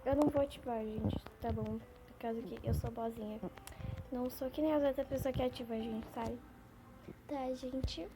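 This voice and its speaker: A woman hosting a gaming channel, talking through her gameplay in a chatty, rambling, excitable way. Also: fairly high pitch, moderate pace, background noise. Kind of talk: gameplay commentary.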